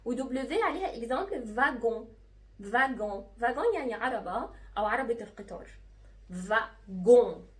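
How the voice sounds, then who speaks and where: Egyptian-accented woman, patient teacher, slightly high voice, miked from a short distance. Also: animated, fairly bright tone. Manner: patient, spells out letters slowly and repeats sounds. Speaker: French teacher. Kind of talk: teaching lesson.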